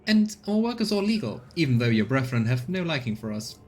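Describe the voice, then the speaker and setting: A man's voice: mid-range voice, very animated, brisk, darkish tone, natural voice. A man voicing a tired, proud, plain-spoken woman who leads a scavenger camp in a game, folksy and deferential. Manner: earnest, folksy, deferential to nobility. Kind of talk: voiced role-play of game dialogue.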